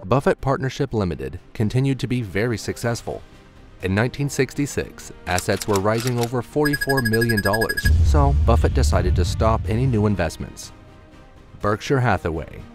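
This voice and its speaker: A man narrates a documentary in a measured, explanatory way, his voice sitting on the low side. Background music plays clearly under him. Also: expressive. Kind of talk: scripted narration.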